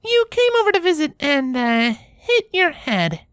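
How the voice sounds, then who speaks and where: A man reading a storybook, voicing an earnest young female unicorn princess in a high falsetto, pleading and insistent. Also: very animated, a little slow, a bit bright, no room sound, studio quality, full character voice.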